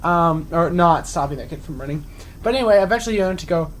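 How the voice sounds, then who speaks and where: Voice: mid-range voice, expressive, fast talker, heavy background noise. A young adult vlogger telling work stories at home in a casual, chatty way, full of fillers, acting out what other people said. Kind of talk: casual storytelling vlog.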